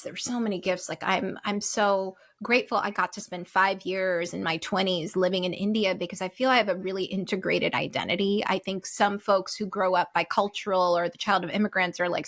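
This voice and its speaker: A woman in her forties from the United States is a guest on an interview podcast, speaking reflectively and animatedly with lots of fillers and restarts. Her voice is medium in pitch and a bit bright.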